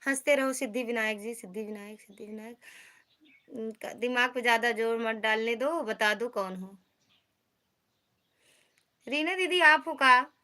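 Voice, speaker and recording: A woman hosts a casual live stream, greeting viewers by name and teasing them about their comments. Her voice is bright and sits a little high for a woman. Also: a little slow, long pauses. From Uttar Pradesh, India.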